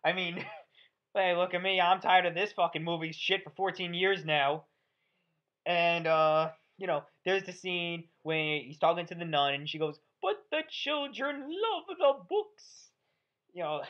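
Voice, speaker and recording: A woman's voice: lowish voice, steady tone, normal speed. A woman ranting through a sarcastic, profane, rambling movie review. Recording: dull lo-fi audio.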